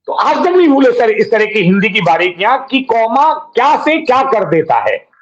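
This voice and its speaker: A man's voice: very high-pitched, very animated, normal speed, highs cut off. A middle-aged man reminiscing casually as a guest, rambling and calling the host sir again and again. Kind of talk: casual reminiscing on a live online program.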